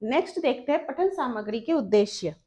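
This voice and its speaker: A woman's voice: on the high side, animated, brisk, mellow. A young woman teaching an exam-prep lesson, explaining step by step and repeating key terms, mixing English words into her talk. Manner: mixes English terms into Hindi. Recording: slightly dull lo-fi recording.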